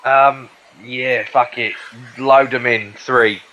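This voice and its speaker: A man's voice: mid-range voice, fairly even intonation, slow pace, muffled recording, natural voice. A man improvising a blunt, sardonic, menacing London gangster in a tabletop role-play, swearing and muttering threats. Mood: grumbling, irritated. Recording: noisy room with clicks and typing.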